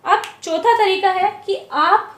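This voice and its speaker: Woman teacher, high voice, patient explaining, slow repeated words, roomy echo. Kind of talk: explaining lesson to parents.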